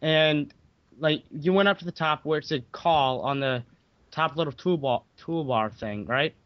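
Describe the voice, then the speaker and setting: A man's voice: on the high side, unhurried, highs cut off, a little hiss or hum. A young man co-hosting a casual podcast, speaking hesitantly with lots of ums and likes. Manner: hesitant, filler-heavy. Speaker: podcast co-host.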